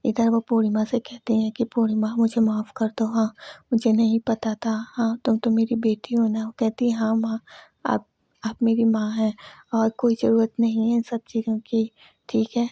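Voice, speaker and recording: A woman's voice: fairly high pitch, completely flat delivery, normal speed, warm tone, slightly rough, dry recording, clean studio sound. A woman chatting through a casual recap of a TV serial episode in voice-over, retelling who said what in a talkative way. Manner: chatty, repeats "she says" and "okay". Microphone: voice-over recorded close to mic.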